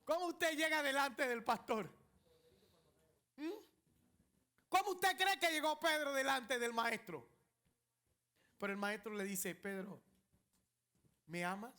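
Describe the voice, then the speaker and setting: A male pastor preaching with passion. His bright, forceful voice rises loud and then falls to a hush. His delivery is dramatic and theatrical. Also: very high voice, expressive, measured pace, pauses often. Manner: impassioned, dramatic preaching, shifting between loud and hushed. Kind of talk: sermon.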